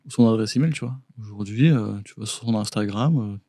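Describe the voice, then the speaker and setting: A man's voice: fairly low pitch, brisk, dark tone, no room sound. A man co-hosting a podcast in casual chat, upbeat and encouraging, full of tag words. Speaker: podcast co-host. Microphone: studio podcast mic. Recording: dry close podcast studio sound.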